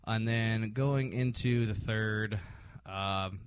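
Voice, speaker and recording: A man's voice: on the low side, steady tone, takes it slowly, clear, resonant tone. A man hosting a casual sports podcast, recapping games with frequent ums and hesitations. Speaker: podcast host.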